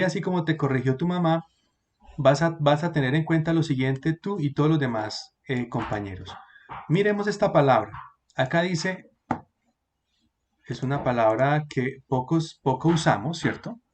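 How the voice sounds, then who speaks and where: A male teacher leads an online class in a voice that sits a little high for a man, with slight background noise. Expressive and unhurried, he explains things patiently, stretches out key words so students can follow, and keeps turning to them with questions.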